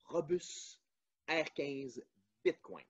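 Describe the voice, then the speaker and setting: Slow, lively quiz host with husky voice. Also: male voice, a little high. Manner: reads questions and answer choices slowly. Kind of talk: family quiz presentation. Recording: dull lo-fi sound.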